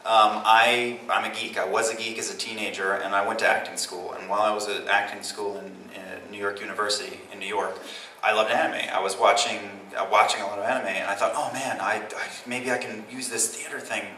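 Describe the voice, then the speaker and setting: A chatty man in his thirties answers fan questions at a convention panel, rambling and poking fun at himself. His voice is bright and forceful but sits a little low. He is recorded from a distance in an echoey hall, with a faint hiss underneath. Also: flat delivery, brisk. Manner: chatty and self-deprecating, rambling answers with restarts. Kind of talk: casual panel Q&A. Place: large convention hall, live audience.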